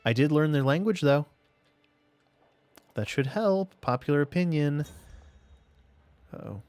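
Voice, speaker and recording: A man's voice: fairly high pitch, lively intonation, measured pace, darkish tone, no room sound, faint music behind. A man streaming a strategy game live, thinking aloud and chatting casually to himself and viewers. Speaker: gaming streamer. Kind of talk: casual live gameplay commentary.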